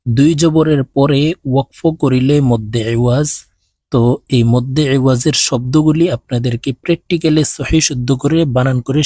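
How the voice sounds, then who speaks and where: A man with a Bangladeshi accent teaching Quran reading, spelling out Arabic words letter by letter and drawing out each syllable slowly. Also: medium pitch, darkish tone, breathy edge, no room sound, clean studio sound. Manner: slow drawn-out recitation of each word.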